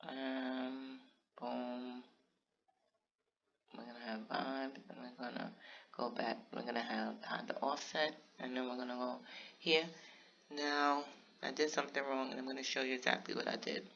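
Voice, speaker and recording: Bright-voiced man walking through a craft tutorial. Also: medium pitch, level tone, unhurried, creaky, long pauses, dull audio. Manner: casual step-by-step explaining, talks to viewers directly. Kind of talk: screen-recorded software tutorial narration.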